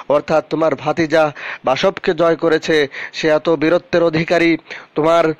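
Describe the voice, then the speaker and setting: A male teacher explaining a classic poem word by word, reading each verse line slowly before glossing it. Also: on the high side, dry recording.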